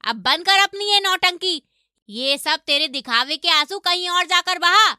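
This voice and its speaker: Lady doing a bossy cartoon mother-in-law, taunting, high and super bright. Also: lively intonation, unhurried, dry recording, clean studio sound, heavily acted. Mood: scolding. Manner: taunting, domineering. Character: harsh scolding middle-aged mother-in-law. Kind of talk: animated story voice acting.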